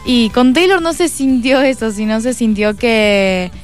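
A woman's voice: a little high, measured pace, clean tone, soft background music. A young woman with an Argentine Spanish accent, a guest chatting enthusiastically in a radio interview and often restarting her sentences.

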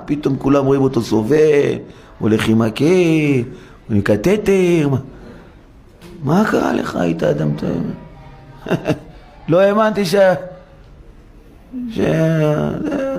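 A man giving a sermon as a rabbi in a synagogue, preaching with animation and acting out rhetorical questions and quoted voices. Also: fairly high pitch.

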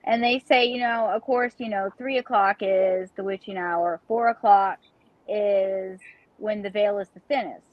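A woman's voice: mid-range voice, fairly even intonation, measured pace, no room sound. A woman, a paranormal investigator chatting bluntly about her experiences as a medium. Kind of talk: casual storytelling. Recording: dull, dry audio.

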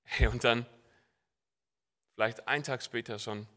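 A man's voice: medium pitch, steady tone, a little slow, bright, forceful tone. A young man preaching a sermon in an earnest, conversational way, asking his congregation questions. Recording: long church reverb.

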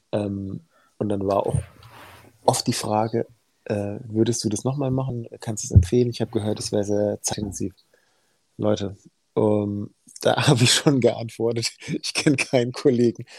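A man's voice: fairly low pitch, gravelly, darkish tone, slightly rough, no room sound, rough recording. A man in his thirties, a heart surgeon, talking frankly and earnestly in a podcast conversation.

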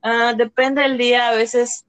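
A woman's voice: fairly high pitch, little pitch movement, unhurried, dry recording. A young woman, co-hosting a casual podcast chat in a blunt, teasing way. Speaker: podcast co-host.

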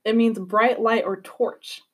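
A woman's voice: fairly high pitch, steady tone, slow, breathy edge. A young woman hosting a podcast, chatting casually with a friend, giggly and swearing freely. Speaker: podcast host. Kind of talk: casual chat.

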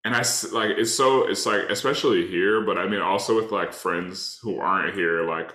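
A man's voice: low-pitched, normal speed, pushed and bright, reverberant. A man with a stuffed-up nose chatting casually and slangily as a podcast co-host, rambling through his points. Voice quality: congested, blocked-nose sound. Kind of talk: casual chat.

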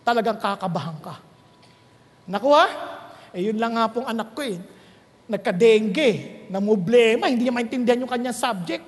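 A middle-aged man preaching a sermon, telling stories with laughter and lively swings. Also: very high-pitched, a little fast. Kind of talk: sermon in mixed Tagalog and English. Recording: long hall reverb.

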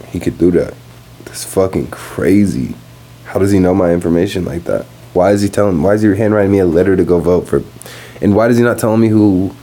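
Rambling stoned young man, low mellow voice. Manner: rambling, profane, laid-back. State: high. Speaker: podcast host. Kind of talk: casual stoned podcast monologue. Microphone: podcast microphone.

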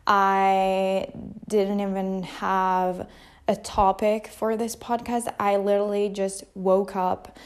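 A young Italian woman in her early twenties hosts a casual, unscripted podcast from her couch at home, chatty and self-deprecating, with no proper mic. Her voice is medium in pitch, smooth, flat in delivery and slow in pace.

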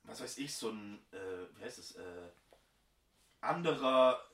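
A man's voice: mid-range voice, animated, unhurried, gravelly, a bit bright. A young man chatting casually on a podcast, rambling and hesitant with many fillers. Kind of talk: casual chat. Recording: echoey room, mic at a distance.

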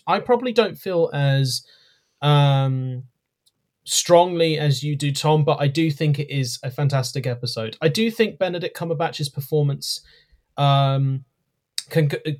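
A man co-hosting a podcast, reviewing an episode in casual chat, hesitant with many ums and self-corrections. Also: fairly high pitch. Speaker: podcast co-host.

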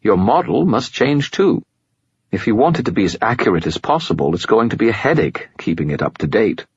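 A man's voice: fairly low pitch, sing-song, brisk, breathy edge, dry recording, lo-fi sound, voice pushed up, heavily acted. A man voicing a grumpy, whiny male air spirit living in a skull, complaining as he talks. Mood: lecturing.

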